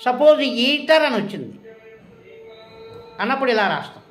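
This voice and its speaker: A woman's voice: high voice, big pitch swings, moderate pace, a bit bright, echoey room, soft background music. A woman teaching a shorthand lesson, quizzing her listeners with questions and then answering them herself. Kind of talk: classroom lesson.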